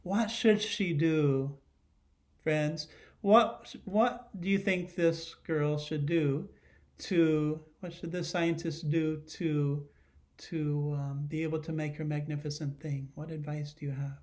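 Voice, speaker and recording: In a home living room, a middle-aged teacher reads a children's picture book aloud with expression, stopping now and then to ask his listeners questions. His voice is a little high and darkish, with fairly even intonation.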